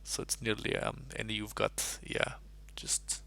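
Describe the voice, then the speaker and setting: Man, from Russia, chess streamer, very gravelly voice, rambling casual chat, thinking aloud. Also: on the low side, monotone, slow pace, sharp tone. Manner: thinks aloud while solving puzzles, chatty and rambling.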